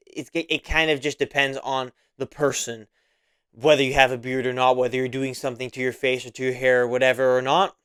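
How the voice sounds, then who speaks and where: A podcast host in his twenties, around twenty years old, talks alone in a casual, rambling way with frequent fillers and repetition. His voice is medium-pitched, clear and resonant.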